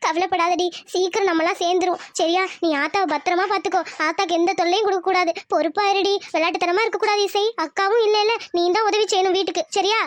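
A woman voicing a tearful young newlywed village woman in a cartoon, talking softly and pleadingly. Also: very high-pitched, steady tone, fast talker, few pauses, no echo. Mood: tender. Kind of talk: cartoon voice acting.

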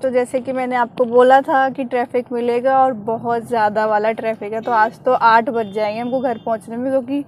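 Young woman vlogger, high voice, casual chat, car noise clearly audible behind her. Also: little pitch movement, brisk, hardly any pauses, rough recording. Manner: chatty, talking straight to the viewers. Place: inside a car. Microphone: lapel mic.

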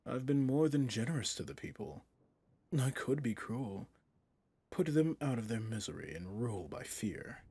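In an ASMR roleplay drama, a male actor with a fairly low, breathy, husky voice portrays a possessive, manipulative villain prince, speaking softly in measured, courtly phrases.

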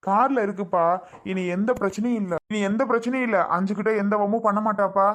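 A woman voicing an elder brother who calmly reassures his father and sister. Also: mid-range voice, quick pace, close to an everyday voice. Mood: reassuring. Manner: reassuring, matter-of-fact. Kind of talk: family skit acting.

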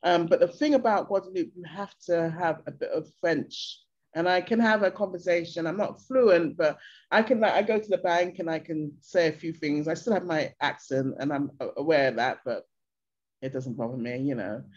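Dull, lo-fi video call audio carries the low-pitched voice of an older English woman talking at a normal speed. Chatting casually as an interview guest from a bright room at home, she's a lively storyteller who performs the voices of local people.

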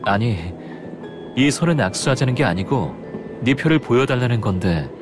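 An actor playing a calm, aloof young male space traveler with a cool, deadpan delivery in a game story. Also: mid-range voice, normal speed, lightly acted. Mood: deadpan, weary. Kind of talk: scripted game story dialogue. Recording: music behind the voice.

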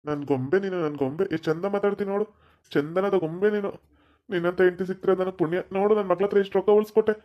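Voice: mid-range voice, fast talker, natural voice. Someone playing a fawning stingy husband. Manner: fawning, flattering. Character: doting middle-aged husband, stingy with his daughter. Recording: dull lo-fi sound.

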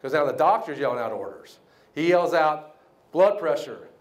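A middle-aged man from the United States giving a keynote speech at a banquet. He tells a story with lively quoted voices and keeps checking in with the crowd. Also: fairly high pitch, brisk. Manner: animated storyteller, acts out quotes, asks the crowd "right?". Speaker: keynote speaker.

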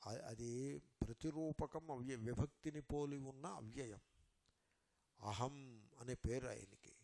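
Gravelly man teaching scripture. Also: mid-range voice, a little mellow. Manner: explains step by step with rhetorical questions; recites Sanskrit verses slowly. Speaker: Vedanta teacher. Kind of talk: scripture lecture.

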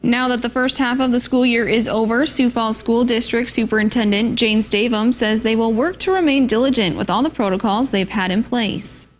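A female news anchor reading scripted local news in a crisp, measured way. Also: on the high side.

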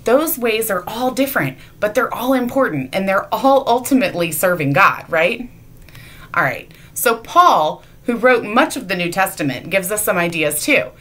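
A woman's voice: mid-range voice, lively intonation, normal speed, a bit bright. A woman giving a playful children's object lesson in church, teasing and asking her young audience questions. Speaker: children's sermon leader. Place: church sanctuary.

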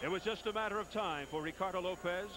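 A high-voiced man gives live boxing commentary in short, dramatic phrases. He is on an old television broadcast, with heavy arena noise all around the voice. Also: fast talker. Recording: noisy old TV sports broadcast. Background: loud arena ambience.

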